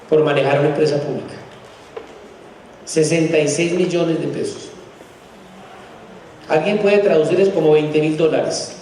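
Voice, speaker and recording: A middle-aged man with a Bogotá Colombian Spanish accent giving a conference lecture, emphatic and sarcastic, his pitch jumping up to stress points. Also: a little mellow, slight background noise. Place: large hall. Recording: echoey hall from far off.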